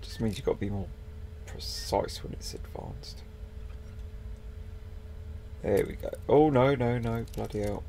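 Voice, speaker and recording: Young guy doing let's-play chat, slow and gravelly, mild swearing. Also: mid-range voice, warm tone, a little hiss or hum. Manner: chatty, swears mildly, talks to game characters. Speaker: gaming video host. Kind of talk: casual let's-play commentary.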